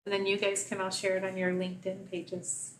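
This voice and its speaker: A woman's voice: medium pitch, completely flat delivery, brisk, a little hiss or hum. A woman making brief, matter-of-fact remarks during a public meeting. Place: meeting room. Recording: echoey room.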